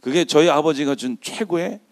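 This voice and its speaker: A middle-aged man, a pastor, preaching a sermon in a church, shifting from quiet storytelling to loud shouted calls. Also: a little high, moderate pace. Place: church sanctuary.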